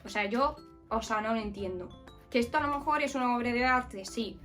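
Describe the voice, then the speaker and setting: A woman's voice: fairly high pitch, a little fast, fairly bright tone, soft background music. A woman from Murcia, giving a casual, frank book review with many fillers and restarts. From Murcia, Spain. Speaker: book vlogger.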